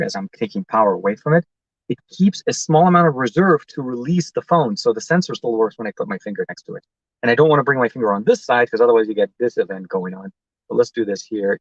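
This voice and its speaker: A man's voice: medium pitch, no echo, lo-fi sound. A man from Lebanon hosting a casual tech live stream from inside a parked car, rambling and chatty with lots of fillers as he answers viewer comments.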